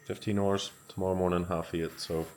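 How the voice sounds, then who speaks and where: A man's voice: deep voice, level tone, brisk, darkish tone, slight background noise. An Irish man talking casually to his vlog audience. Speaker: vlogger and endurance racer.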